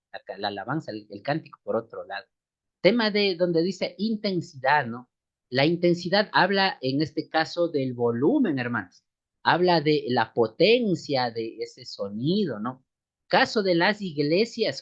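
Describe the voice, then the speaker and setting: Male church music teacher with a slight cold, expressive delivery, muffled lo-fi recording. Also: on the high side. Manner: explains step by step, addresses listeners as sisters and brothers. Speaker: seminary teacher. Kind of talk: church music lesson, lecturing. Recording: dull lo-fi recording.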